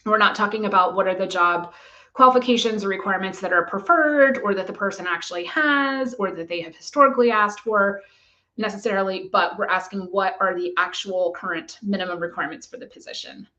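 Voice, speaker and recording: A woman immigration lawyer giving a measured, methodical explanation to camera. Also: medium pitch, bright, forceful tone, highs cut off.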